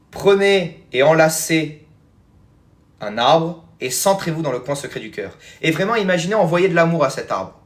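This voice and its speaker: A man's voice: medium pitch, a bit bright. Chatty man rambling to his viewers. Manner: rambling, many fillers and "hein", calls viewers "les amis". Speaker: spiritual teacher hosting a live stream. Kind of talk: casual live-stream chat answering viewers.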